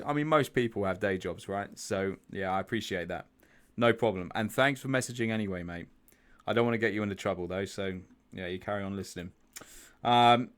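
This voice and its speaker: Fairly low-pitched and clean in tone, a man runs a live trading stream, chatting over his chart analysis. He thinks aloud with restarts and repeated words and keeps asking viewers questions about their views.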